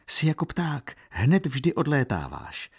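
A man doing a gentle, tearful young woman. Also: a little high, huge pitch swings, slightly rough, pitched above the performer's own voice, full character voice. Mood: pleading. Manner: soft, pleading, raised voice. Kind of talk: audiobook character reading.

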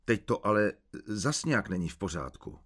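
A man's voice: on the low side, sing-song, fairly bright tone, husky, full character voice. A man voicing an anxious, earnest young woman in an audiobook reading, without changing his voice much.

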